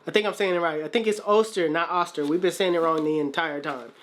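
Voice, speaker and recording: A man's voice: on the high side, quick pace, a bit bright, a little hiss or hum. A man who is a barber hosts a casual haircut tutorial, talking in a laid-back, slangy, chatty way in his shop. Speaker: barber and channel host. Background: music.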